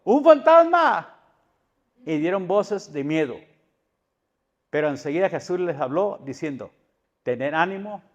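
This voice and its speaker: A man preaching a sermon as pastor, asking the congregation questions and building emphasis. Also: fairly high pitch. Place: church hall. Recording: long church hall reverb.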